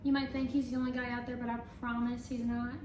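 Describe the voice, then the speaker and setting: A quick-paced woman with a slightly high, flat delivery chats casually as a talk show guest. She has trouble with R's, so they sound like W's, and the recording picks up room echo and clear background noise.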